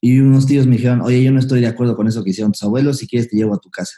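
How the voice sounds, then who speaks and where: A young man with a Mexican accent telling his life story as a podcast guest, slangy and lively, acting out old conversations. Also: medium pitch. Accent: Mexican Spanish. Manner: fast, slangy, acts out past dialogue. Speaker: guest, comedian. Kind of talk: candid storytelling interview.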